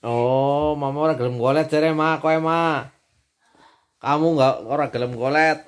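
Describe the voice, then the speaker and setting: A man, a father filming a home video and gently teasing his daughter. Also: a little high, fairly even intonation, clear, resonant tone. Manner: teasing, coaxing, slow-spoken. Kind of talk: casual family home video.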